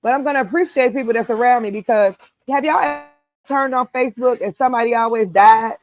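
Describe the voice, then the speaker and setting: A woman in her fifties hosting a casual group chat, emphatic and quick to laugh. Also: fairly high pitch. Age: 50s. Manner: animated, emphatic, laughs easily. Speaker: host.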